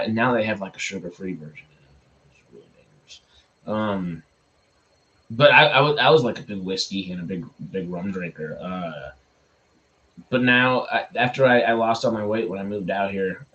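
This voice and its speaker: A man with a fairly low voice hosts a casual livestream. He rambles in a halting, repetitive way and is easily amused. The sound is a little dull and lo-fi. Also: fairly bright tone. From Texas. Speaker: livestream host.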